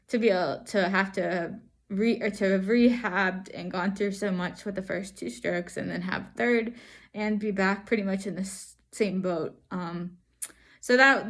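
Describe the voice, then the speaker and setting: Woman speaking haltingly through a face mask. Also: mid-range voice. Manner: halting, reflective, earnest. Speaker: vlogger sharing stroke recovery. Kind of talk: personal testimony to camera.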